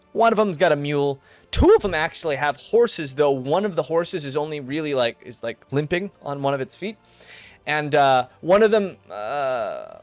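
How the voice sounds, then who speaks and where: A man narrating an improvised tabletop game as game master in a halting, casual storytelling way. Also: on the high side. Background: music.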